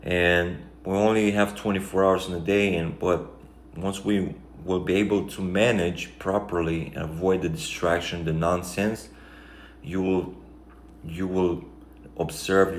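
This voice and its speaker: A man's voice: low voice, steady tone, unhurried. A man from Romania with a Romanian accent, talking through a reflective, rambling life update full of fillers. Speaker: vlogger. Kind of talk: casual life-update monologue. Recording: echoey room, faint background noise.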